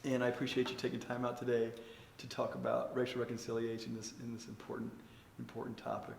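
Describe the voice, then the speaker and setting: An older man, a pastor hosting a church conversation, speaking softly and gently with frequent pauses and fillers, recorded in a church. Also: mid-range voice, monotone, creaky. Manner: soft-spoken, gentle, halting with fillers. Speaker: pastor and host. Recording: echoey room with faint noise.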